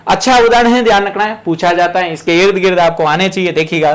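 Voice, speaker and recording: A man with a high, light voice gives an exam prep lecture from Rajasthan. He drills each rule again and again and talks directly to his students, step by step. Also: fairly even intonation, quick pace. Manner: emphatic, repetitive drilling of rules. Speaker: teacher.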